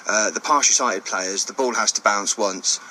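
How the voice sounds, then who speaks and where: A man's voice: lowish voice, normal speed, bright, forceful tone, a little hiss or hum, rough recording. A man giving informal, step-by-step explanations as an interview guest. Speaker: interview guest, blind cricket player. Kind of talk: casual explanatory interview talk.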